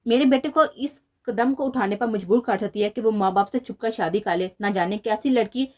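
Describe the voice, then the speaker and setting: A woman's voice: medium pitch, close to an everyday voice. A woman reading the lines of a middle-aged mother who scolds her son in an indignant way. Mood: scolding. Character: middle-aged mother, sharp-tongued and angry.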